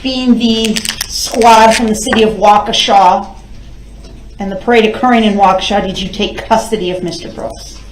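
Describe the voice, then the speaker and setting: A woman questioning a witness as a prosecutor in court, formal and deliberate. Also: medium pitch, steady tone, slight background noise. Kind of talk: courtroom examination. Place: indoors in a courtroom. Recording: echoey courtroom microphone.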